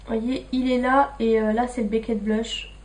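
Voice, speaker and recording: Chatty young woman, higher voice. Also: little pitch movement, moderate pace, darkish tone. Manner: chatty, thinking aloud with many fillers. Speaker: beauty vlogger. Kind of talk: casual makeup haul.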